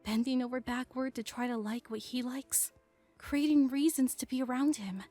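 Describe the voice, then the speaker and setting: A woman's voice: sits high, moderate pace, dark tone, soft background music. A woman voicing an emotional, lovesick young woman who wavers between tears and self-mockery. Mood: rueful.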